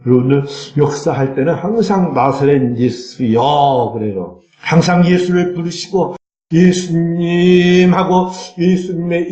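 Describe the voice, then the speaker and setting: A man's voice: a little high, mellow. A man preaching a Sunday sermon as pastor, reading scripture aloud and breaking into fervent cries. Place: church sanctuary. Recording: echoey church sanctuary.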